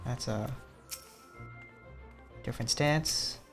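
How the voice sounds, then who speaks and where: Talking very slowly in a mid-range voice, a male gaming host drifts through casual let's play commentary. He's understated and thinks aloud, with music playing behind him.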